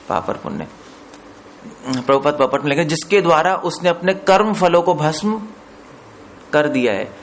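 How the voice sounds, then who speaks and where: A man with a fairly high voice teaching scripture to a gathering, pausing to quiz his listeners and slipping English terms into his explanation. A faint hiss sits under the recording. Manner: explains with questions to listeners, mixes in English words. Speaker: preacher. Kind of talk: scripture discourse.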